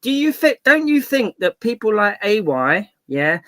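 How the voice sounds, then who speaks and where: A man's voice: high voice, very animated, a little slow, sharp tone. A man questioning confrontationally, pressing his point with hesitant fillers. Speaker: interviewer.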